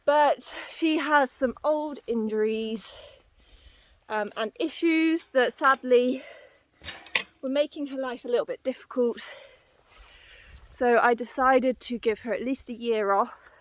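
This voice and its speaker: A woman's voice: fairly high pitch, slow pace. A woman vlogging casually outdoors as she walks, out of breath and puffing while she talks. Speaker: horse owner and vlogger. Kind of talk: casual vlog chat while walking. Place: outdoors on paddocks and hilly, boggy ground.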